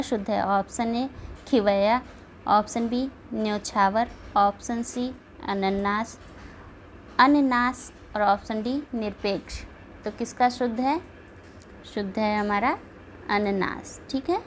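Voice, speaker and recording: A woman's voice: a little high, unhurried, slight background noise, rough recording. A woman teaching an exam-prep spelling lesson, reading out the answer options one by one and checking in with her students after each point. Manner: steady, checks in with repeated "ठीक है".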